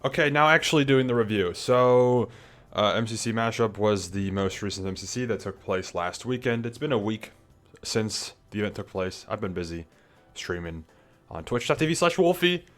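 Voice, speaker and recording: Man, lowish voice, a bit out of breath, loose chatty gaming review, many fillers. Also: animated, moderate pace, fairly bright tone, faint music behind. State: slightly out of breath. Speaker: YouTuber and streamer reviewing a gaming event. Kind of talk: casual rambling commentary.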